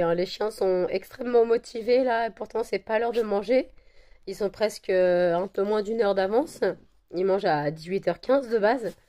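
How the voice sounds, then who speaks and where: A woman with a croaky voice from a cold, chatting casually to camera with many fillers and repeated words. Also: dark tone. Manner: coos at her dogs in a high sing-song. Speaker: vlogger selling handmade candles and wax melts.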